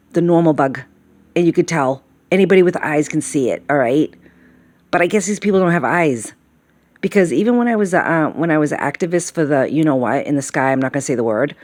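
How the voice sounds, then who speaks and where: A woman vlogger in her late fifties rambles through a casual monologue, sighing often and checking in with "okay?" and "all right?" Her voice is low with a darkish tone, and the recording has no room sound.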